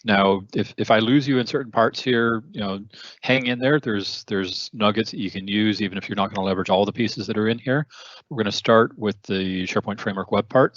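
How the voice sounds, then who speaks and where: A man with a low-ish voice runs a technical webinar conversationally, repeating words and using many fillers. He's losing his voice, which sounds a bit worn, and clears his throat. The recording is dry and dull.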